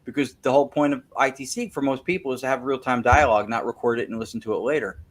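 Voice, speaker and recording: A fast-talking man of medium pitch is the guest in an interview, where he discusses his research into spirit communication. His detailed explanation of a technical method is full of self-corrections and words repeated as he thinks.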